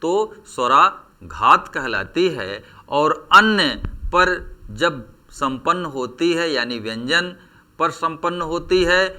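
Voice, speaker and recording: Man, Hindi teacher, slow lecture, bright voice, lively pitch. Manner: slow, deliberate explanation with spoken examples. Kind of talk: classroom lecture on grammar.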